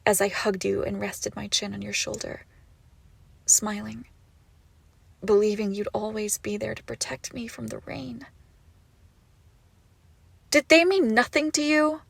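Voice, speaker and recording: Fully in character, a woman plays a cold crime boss obsessed with a former lover in an intimate audio drama, sounding bitter and hurt. She speaks slowly and deliberately at medium pitch with a steady tone and gravelly fry, her menace swinging from hushed to unhinged. The sound is close and dry, with no echo.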